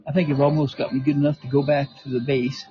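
A man's voice: mid-range voice, little pitch movement, quick pace, warm tone, soft background music. An older man in a hospital room recording a rambling personal audio diary, out of breath and joking between wheezes. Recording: muffled lo-fi recording.

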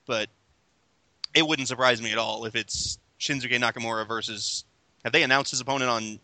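A man's voice: medium pitch, steady tone, brisk, sharp tone, no echo. A man hosting a casual podcast chat, talking with lots of fillers and restarts. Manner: chatty, hesitant, many fillers and restarts. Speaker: podcast host.

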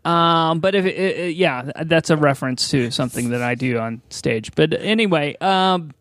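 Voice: medium pitch, normal speed, a bit bright, no echo. A host leading a casual chat in an easygoing, rambling way, often hesitating.

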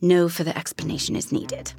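A woman's voice: on the low side, completely flat delivery, brisk, darkish tone, faint music behind, close to an everyday voice. An actress playing a prim, dramatic female palace etiquette tutor who gives instructions theatrically. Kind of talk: audio drama acting.

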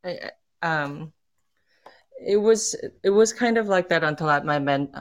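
A Korean-born woman who plays tango speaks in a casual interview with a low-pitched voice. She's thoughtful, pausing often and using fillers and restarts.

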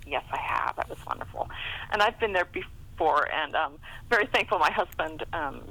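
A middle-aged woman, a guest author being interviewed, chats casually about writing and tells stories in an animated, chatty way. Her voice sits on the low side and sounds gravelly, at a moderate pace, and the recording is rough.

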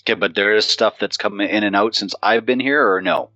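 Rambling, cursing man with a low voice. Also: brisk, bright, forceful tone, dry recording, faint music behind. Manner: rambling, swears casually, thinks aloud with restarts. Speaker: player. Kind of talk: casual tabletop game play.

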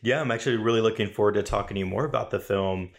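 This male podcast host speaks at a fairly low pitch and a racing pace, with noticeable vocal fry. His casual interview chat is warm yet halting, full of filler words and false starts.

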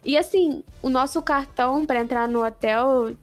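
Female co-host, high voice, expressive chatty delivery, faint music underneath. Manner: expressive, quick reactions. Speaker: podcast co-host. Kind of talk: casual chat.

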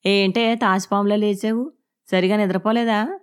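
A coarse, bullying husband from an audio storybook, as a woman narrator puts him on, sneering and scolding. He speaks loud and pitched up, pushing every line hard. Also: steady tone, moderate pace, clear, resonant tone, lightly acted. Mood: scornful, bullying. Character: crude, mocking, domineering husband, a man.

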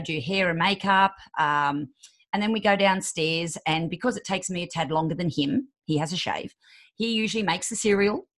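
A woman's voice: on the low side, a bit bright. A woman in her fifties, a podcast guest giving relationship advice and acting out quoted voices. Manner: acts out quoted voices, emphatic.

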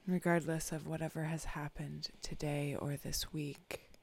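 A guide talks a listener through breathing and relaxation, much of it in a soft whisper. The delivery is unhurried and level, with a slight gravelly texture under the words. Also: medium pitch. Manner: soft, often whispered, slow and calm instructions. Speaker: meditation guide. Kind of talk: guided meditation.

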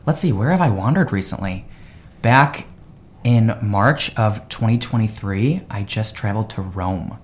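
An American real estate agent appears as a guest on a live radio interview, sounding upbeat and enthusiastic. His voice is fairly low, unhurried, and lively in intonation.

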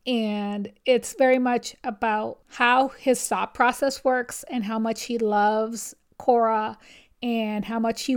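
A woman with a somewhat high voice co-hosts a book podcast. She talks casually and conversationally, gushing a little as she explains what she thinks. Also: a little mellow. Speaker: podcast co-host.

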